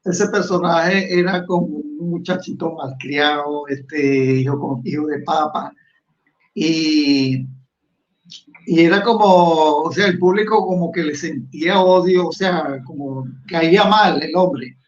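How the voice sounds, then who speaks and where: Slow, halting host with a slightly high voice, in an echoey room. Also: male voice. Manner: halting, repeats words while asking. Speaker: interviewer, host. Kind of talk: interview questions. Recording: roomy lo-fi sound.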